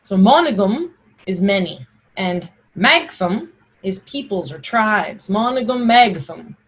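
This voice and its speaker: A husky-voiced woman teaching Old English pronunciation, reciting the old words and explaining them informally one by one. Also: mid-range voice, sing-song, takes it slowly, poor audio.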